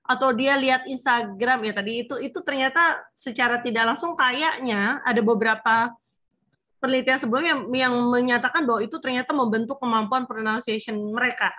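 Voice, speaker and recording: A woman's voice: fairly high pitch, brisk, pushed and bright. A woman supervisor advising a student on her thesis plan, explaining patiently with frequent fillers. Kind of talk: online thesis consultation.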